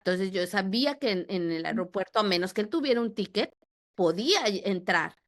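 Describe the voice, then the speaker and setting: A woman in her thirties or forties with a Mexican accent, a podcast guest telling a personal story in a lively way that acts out the dialogue. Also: medium pitch, brisk. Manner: animated, acts out dialogue with repetitions.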